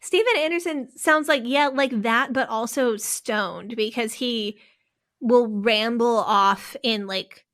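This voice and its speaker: Taking her time, a woman co-hosting a podcast tells a meandering story in a relaxed way, stopping to restart and leaning on fillers. Her pitch is fairly high and her tone fairly bright.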